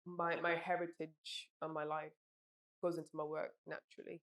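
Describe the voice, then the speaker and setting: Low-pitched woman in a roomy echo. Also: level tone, normal speed, fairly bright tone. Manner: hesitant, searching for words, many likes and ums. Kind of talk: casual interview talk.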